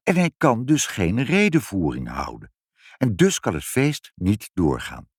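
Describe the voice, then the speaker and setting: A man voicing a brisk, sensible mother in a read-aloud storybook, talking in a matter-of-fact way. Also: fairly low pitch, wildly swooping pitch, slightly rough, no echo, studio quality, heavily acted. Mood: explaining.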